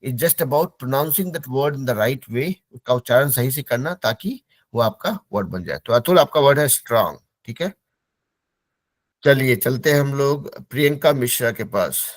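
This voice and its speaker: A patient male teacher runs an online English word drill, slowly repeating words so students can get the pronunciation right. His medium-pitched voice is animated. There's no room sound.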